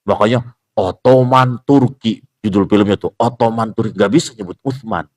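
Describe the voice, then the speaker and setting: At a dawn study session in a mosque, a man with a lowish voice gives a relaxed religious lesson. He jokes with the congregation, asks rhetorical questions, and acts out pronunciations by slowly repeating words to show how they sound.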